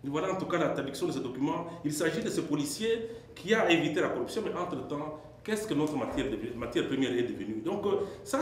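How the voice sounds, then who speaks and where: A man from the audience raising observations at a press conference, telling an example in an earnest, emphatic way. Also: sits high. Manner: earnest, storytelling, rising with emphasis. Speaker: audience member asking a question. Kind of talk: long question from the floor. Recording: very echoey hall with faint noise.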